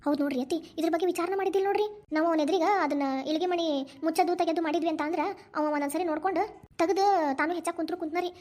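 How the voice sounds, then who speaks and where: A woman voicing a strict young mother and daughter-in-law in a cartoon, with a North Karnataka Kannada accent, brisk and scolding. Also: extremely high pitch, steady tone, a little mellow. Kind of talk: cartoon voice acting.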